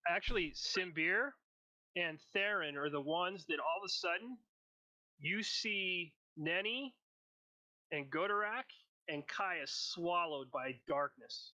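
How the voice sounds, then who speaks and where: A man narrating a tabletop role-playing game as game master, deliberate, with dramatic pauses. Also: sits high, pushed and bright, rough recording.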